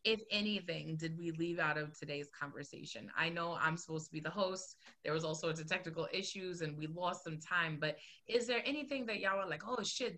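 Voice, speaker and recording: Bright-voiced woman podcast host. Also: on the low side. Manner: candid, emotional, laughs often. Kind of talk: casual podcast conversation.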